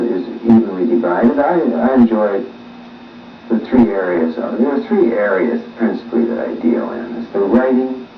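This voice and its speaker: A man, a musician, answering interview questions with many pauses and fillers, heard on old worn tape. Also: fairly low pitch. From Canada. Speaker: musician guest. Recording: echoey, distant, dull old tape with faint hiss.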